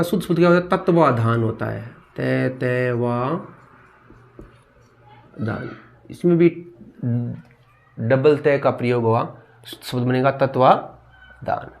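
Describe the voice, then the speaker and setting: A man's voice: mid-range voice, creaky. A man teaching a grammar lesson, calling out a word, asking what it is and answering himself over and over. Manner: drills word spellings with repeated questions and answers.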